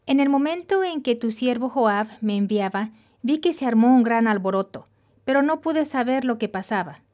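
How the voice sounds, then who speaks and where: A woman's voice: a little high, animated, moderate pace, a little mellow, natural voice. A woman voicing a young male runner who deferentially avoids telling bad news. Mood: evasive. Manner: evasive, deferential.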